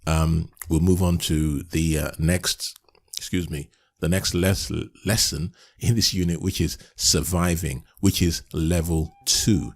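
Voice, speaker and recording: Low husky man teaching a course. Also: steady tone, unhurried. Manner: earnest, repetitive, emphatic with restarts. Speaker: online business coach. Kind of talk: recorded course lesson.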